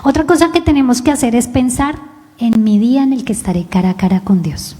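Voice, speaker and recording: Woman preacher, lively storyteller, mellow tone, long hall reverb. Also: fairly high pitch, a little fast. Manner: storytelling, lively and self-mocking. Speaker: pastor. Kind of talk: sermon. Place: church service in a rented hall.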